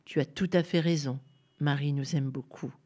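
A woman's voice: deep voice, steady tone, normal speed, darkish tone. A woman voicing a joyful, devout older woman who declares her words with solemn fervor, in a storybook reading. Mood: warm.

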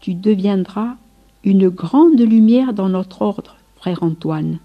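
A frail aging saint speaks slowly and gravely, stern even in weakness, as a woman reading a storybook puts him on. The recording is a touch muffled. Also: medium pitch. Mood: gentle.

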